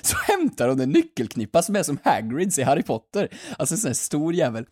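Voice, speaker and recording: A young man, a podcast co-host telling a lively story in casual chat and swearing freely. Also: on the high side, slightly rough, dry recording.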